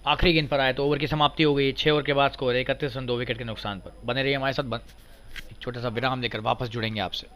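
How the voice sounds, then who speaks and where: A man giving excited live cricket commentary as a sports commentator. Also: mid-range voice, fast. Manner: excited cricket commentary, voice surging on big shots.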